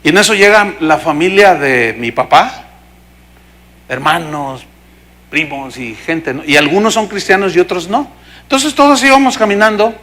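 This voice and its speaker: A middle-aged Mexican man, a pastor preaching a sermon and acting out the voices of people in his stories. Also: on the high side. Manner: animated storytelling, acting out voices.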